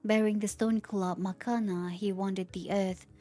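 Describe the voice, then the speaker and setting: A woman's voice: medium pitch, steady tone, moderate pace, warm tone, soft background music. A woman streamer reading game lore aloud, stumbling over words and breaking off to react.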